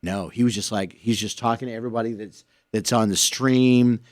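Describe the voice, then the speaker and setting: A man's voice: on the low side, fairly even intonation, brisk, no room sound, clean studio sound. A man co-hosting a radio station podcast, chatting casually and rambling with repeated words. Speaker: podcast co-host. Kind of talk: casual chat.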